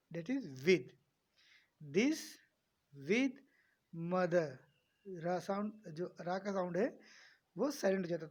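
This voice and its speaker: A man's voice: sits high, a little mellow. A man teaching a spoken English lesson, addressing his students kindly and repeating each sound firmly to drill it.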